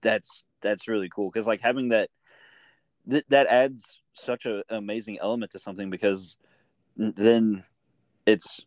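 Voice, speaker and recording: A man with a fairly low, steady voice hosts a casual interview, talking informally and haltingly as he thinks aloud. The recording is rough and very dry, with no echo at all.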